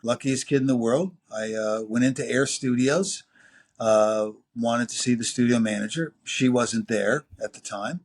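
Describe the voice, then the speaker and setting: A man in his sixties with a New York accent, telling long anecdotes as an interview guest, full of fillers and lively quoted voices. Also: medium pitch, measured pace. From New York City. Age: 60s. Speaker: music producer and engineer guest. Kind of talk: casual interview storytelling.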